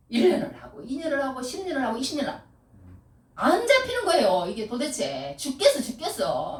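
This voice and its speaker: A middle-aged woman preaching a sermon, animated and repeating key phrases, often calling out hallelujah. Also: high voice. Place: church sanctuary. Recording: echoey room, voice from far off mic. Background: congregation responding.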